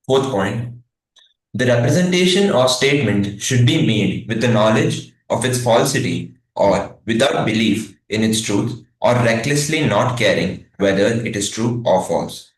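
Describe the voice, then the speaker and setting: A man's voice: medium pitch, expressive, a little slow. A man, a student reading study material aloud in an online class. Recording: echoey room over online call.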